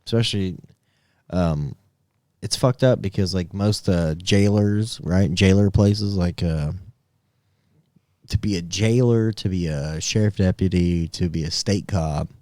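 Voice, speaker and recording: A man's voice: low voice, measured pace, a little mellow, dry recording, studio quality. A man co-hosting a podcast in casual chat, joking crudely, swearing freely and laughing often. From Indiana. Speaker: podcast co-host.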